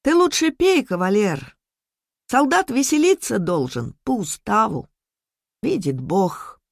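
A woman reading a story, voicing a sly, greedy male hut owner who grumbles and mocks in a lowered voice. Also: sing-song, slow, gravelly, no echo, clean studio sound, exaggerated voice. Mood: mocking. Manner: mocking, grumbling.

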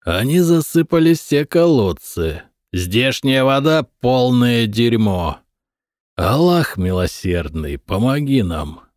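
A man's voice: medium pitch, big pitch swings, slow pace, a little mellow, no room sound, studio quality. A man doing a stubborn old commander. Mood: grumbling. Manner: stubborn, grumbling. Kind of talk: audiobook character voice.

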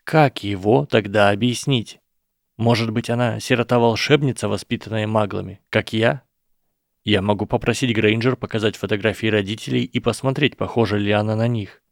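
An earnest young wizard, as a male reader plays him explains his argument slowly and persuasively. His low, gravelly tone stays close and dry, with no room around it. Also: fairly even intonation, no room sound. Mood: reasoning. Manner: measured, persuasive, slow explaining. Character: earnest boy wizard, calm and reasoning. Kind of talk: audiobook character voice.

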